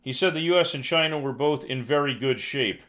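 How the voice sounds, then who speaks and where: Bright-voiced sarcastic male news streamer. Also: mid-range voice, fairly quick. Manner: sarcastic, reads headlines then riffs with exasperated asides. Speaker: livestream news commentary host. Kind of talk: casual live news commentary.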